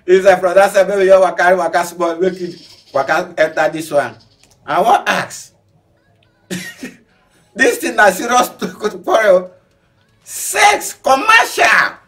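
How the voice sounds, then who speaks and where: Joking Nigerian Pidgin news man. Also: distant mic. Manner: joking and animated, laughs often, swings between loud bursts and low mutters. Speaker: news show host. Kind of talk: comic Pidgin news commentary.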